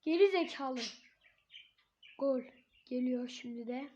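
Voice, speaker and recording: A hoarse woman giving live gameplay commentary, swearing and yelling at the referee in frustration. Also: sits high, slow, a little hiss or hum. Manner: shouts at the referee, curses and rants in frustration. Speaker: gamer. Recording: dull lo-fi recording.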